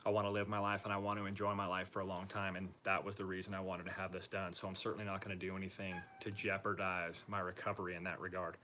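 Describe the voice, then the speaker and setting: A man talking informally and upbeat in a casual video diary, using relaxed slang as he gives a personal recovery update. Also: sits low, fast talker, few pauses, slight background noise. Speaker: patient giving a recovery update.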